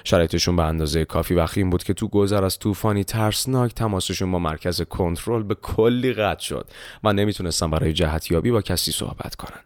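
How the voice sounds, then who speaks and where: A man hosting a book-summary podcast, telling the story in a steady scripted narration and closing with a polite formal thanks. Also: low voice, dry recording, studio quality.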